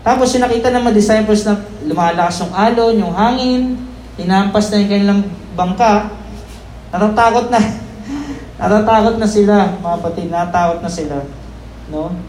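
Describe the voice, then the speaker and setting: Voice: mid-range voice, moderate pace, darkish tone, a little hiss or hum. Chatty preacher in an echoey room. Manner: tags nearly every phrase with "no?" and "di ba?"; stumbles, self-corrects and laughs at own slips. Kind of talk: conversational Sunday sermon.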